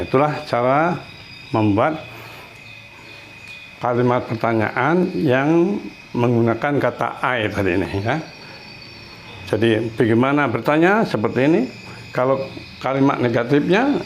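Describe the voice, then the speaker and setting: Patient male Spanish tutor, faint hiss. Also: mid-range voice. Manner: patient, repeats examples slowly. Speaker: Spanish teacher. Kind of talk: casual whiteboard lesson.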